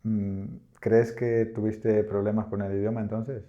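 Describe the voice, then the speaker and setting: A man from Spain hosting a podcast, asking questions in a measured, casual way. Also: on the low side, little pitch movement. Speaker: podcast host. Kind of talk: casual interview. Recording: dull lo-fi sound.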